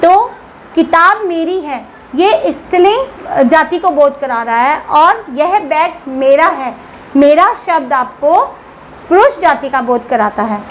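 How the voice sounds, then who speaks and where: A woman's voice: high-pitched, expressive, slow, a little hiss or hum, low-quality recording. A woman school teacher giving a grammar lesson to children, patiently asking questions and answering them herself.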